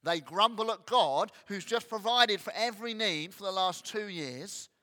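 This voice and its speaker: Animated preacher with a bright voice in a reverberant hall. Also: male voice, high-pitched, normal speed. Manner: animated, acts out grumbling voices. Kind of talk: sermon.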